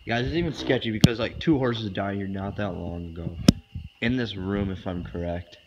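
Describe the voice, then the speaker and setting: A man's voice: on the low side, brisk, lo-fi sound. A nervous young man narrating a casual exploring vlog in slangy, repetitive phrases. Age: young adult. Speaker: vlog host. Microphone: handheld phone. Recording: very noisy handheld phone recording.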